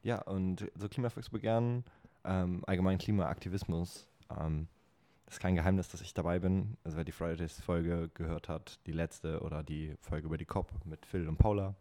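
A man hosts a relaxed podcast interview. His voice is very deep and dark. He hesitates often, filling gaps with ums. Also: normal speed, few pauses. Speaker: podcast host.

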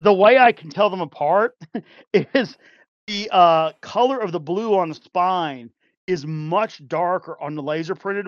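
Man, high voice, casual rambling chat, dry dull-sounding recording. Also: no room sound. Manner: rambling, many fillers and restarts, laughs easily. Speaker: podcast guest, game developer.

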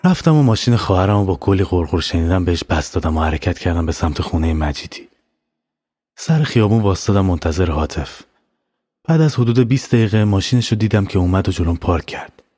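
A man narrating a scripted horror story in a steady, matter-of-fact way. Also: low-pitched, slightly rough, no echo. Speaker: narrator and writer.

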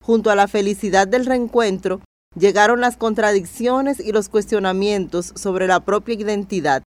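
A documentary narrator reads a scripted life story with a measured, even delivery. The sound is dry and close, with no room around the voice. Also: mid-range voice, dry recording.

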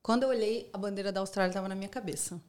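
A woman's voice: medium pitch, very fast, darkish tone. A young adult woman with a Brazilian accent, a podcast guest telling a personal story in a casual, slangy way and acting out the lines she quotes. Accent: Brazilian Portuguese.

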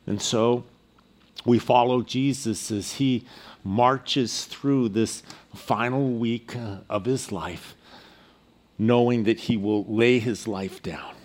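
A man preaching an expository sermon as a pastor, speaking in a measured, halting way with deliberate pauses. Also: medium pitch, fairly even intonation, darkish tone. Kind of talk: expository sermon with Bible reading.

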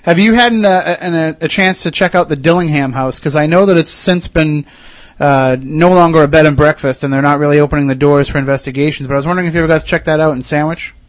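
Talking fast in a slightly high voice, a male radio host from Wareham, Massachusetts keeps his casual interview chatty and enthusiastic. The recording is dry.

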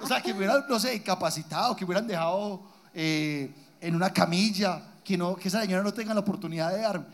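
A man telling profane, animated comic stories as a podcast co-host on a live stage. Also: sits high, fast talker. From Colombia, Guatapé area. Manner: animated, profane, laughing storyteller. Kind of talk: live comedic storytelling. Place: live stage before an audience.

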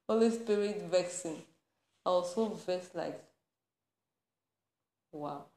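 A woman's voice: on the low side, very slow. Fired-up woman ranting in an echoey room. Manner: animated, laughs between points, rising to anger. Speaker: podcast host. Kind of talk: impassioned faith-based rant. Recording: roomy echo.

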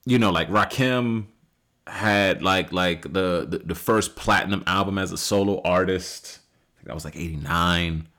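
A man in his late thirties hosting a solo podcast, talking casually and rambling with many fillers and restarts, rising loud and high when he makes a point. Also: unhurried. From United States. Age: 30s. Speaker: podcast host.

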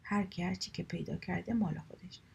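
A woman's voice: lowish voice, vocal fry, a little hiss or hum. Woman doing a hot-tempered squirrel. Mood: indignant. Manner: loud, indignant. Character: quarrelsome grabby male squirrel, hot-tempered.

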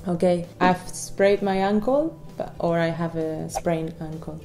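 A woman's voice: lowish voice, fairly even intonation, slow pace, mellow, soft background music. Chatty woman co-hosting a language lesson. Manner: chatty and playful, laughs easily. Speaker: co-host asking questions.

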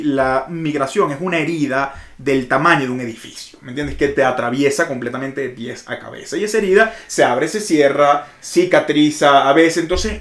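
A Venezuelan man co-hosting a podcast, talking in a reflective, emotional way that often trails off softly. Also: on the high side, reverberant. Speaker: podcast co-host. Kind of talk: casual conversation.

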